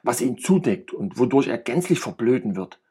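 A man's voice: medium pitch, big pitch swings, normal speed, mellow, husky. A man reading aloud and voicing a jovial, talkative middle-aged friend who rambles and teases with cynical humor. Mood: playful teasing. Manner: rambling, playful banter.

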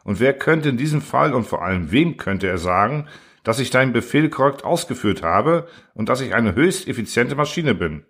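A man's voice: medium pitch, lively intonation, moderate pace, a bit bright, breathy edge. Guy doing a vain metallic machine, smug and cold, audiobook. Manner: smug, indifferent, self-important. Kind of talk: audiobook reading.

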